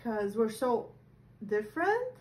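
A woman's voice: on the high side, big pitch swings, slow, darkish tone, echoey room, poor audio. A young woman, co-hosting a podcast in a teasing, bubbly way. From Latvia. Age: young adult. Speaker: podcast co-host. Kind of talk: casual chat.

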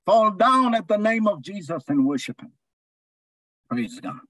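A man's voice: high-pitched, big pitch swings, a bit bright, dry recording. A man preaching a sermon, calling out phrases for the congregation to repeat and stretching out key words for emphasis. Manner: call-and-response preaching, drawn-out emphatic phrases.

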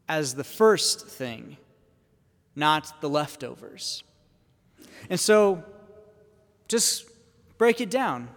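Slow-preaching priest at a pulpit microphone. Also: male voice, on the high side. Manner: measured preaching, posing questions to the congregation. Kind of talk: Sunday homily. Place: church. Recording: long church reverb.

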